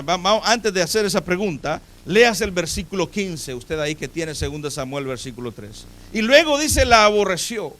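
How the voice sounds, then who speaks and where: High-voiced man preaching a sermon. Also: a bit bright. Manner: emphatic, questioning the congregation directly. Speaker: pastor. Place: church sanctuary.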